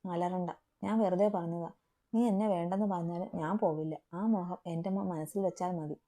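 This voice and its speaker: A woman's voice: fairly low pitch, fairly even intonation, a little fast, warm tone, close to an everyday voice. A woman voicing a sulky, lovestruck young woman who pouts and pleads in a romantic audio story. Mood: pouting. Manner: pouting, pleading.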